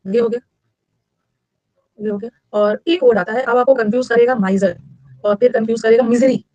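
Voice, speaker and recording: A middle-aged woman, teaching vocabulary in a lecture and drilling words with quick repetition and questions to her students. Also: on the high side, steady tone, a little mellow, dry recording, highs cut off.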